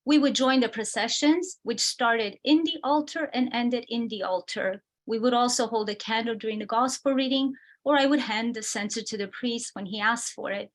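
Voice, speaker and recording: Woman speaker from Romania, slightly high voice, measured lecture delivered over a video call. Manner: measured, explanatory, reads from slides. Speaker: guest speaker. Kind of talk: prepared lecture.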